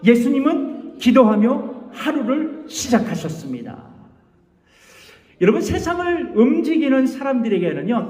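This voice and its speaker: A male pastor preaching an animated sermon in a church and leading the congregation to repeat phrases. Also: very high voice. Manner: animated, leads the congregation in call-and-response. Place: church sanctuary. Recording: echoey church hall.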